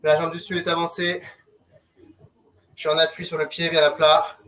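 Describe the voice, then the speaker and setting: High-pitched male fitness coach giving commanding cues. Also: little pitch movement, normal speed, fairly bright tone. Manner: short, commanding, encouraging cues. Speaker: fitness coach leading a group workout. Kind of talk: instructional workout cueing. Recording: distant mic, noisy background, clicks.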